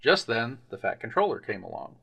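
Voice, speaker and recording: A man narrating a children's railway storybook in an expressive, measured way. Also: medium pitch, creaky, husky. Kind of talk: storybook reading.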